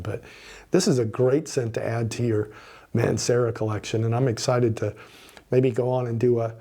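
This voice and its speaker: Chatty man with a mellow voice. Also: medium pitch. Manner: chatty, rambling, swears under his breath at mishaps. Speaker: fragrance reviewer. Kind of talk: casual product review.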